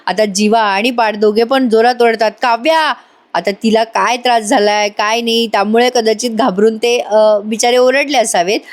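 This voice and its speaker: A woman gives a chatty voice-over recap of a TV serial episode and speaks straight to her viewers. She exclaims often. Her voice sits fairly high. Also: fairly even intonation, moderate pace, hardly any pauses. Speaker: TV serial reviewer.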